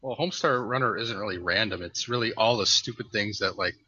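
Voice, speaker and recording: Guy on a podcast with a bright, sharp voice, rambly stories, dry, muffled mic. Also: on the low side, brisk, a little hiss or hum. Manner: rambling storyteller, laughs at his own stories. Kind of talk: casual podcast chat.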